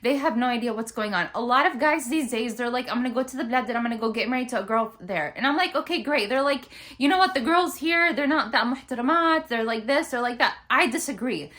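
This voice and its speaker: A woman's voice: on the high side, fast, hardly any pauses, pushed and bright. A young woman giving casual, chatty marriage advice, emphatic and checking in often with "okay?", mixing in Arabic words. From born in Germany, grew up in the US. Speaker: advice vlogger. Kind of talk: casual advice talk to the camera. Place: Chicago.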